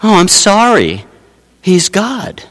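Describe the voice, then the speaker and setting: Male pastor, sermon, lively pitch swings, hushed asides and loud outbursts, long hall reverb. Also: slow pace. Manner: animated preaching, swinging from low asides to loud exclaims.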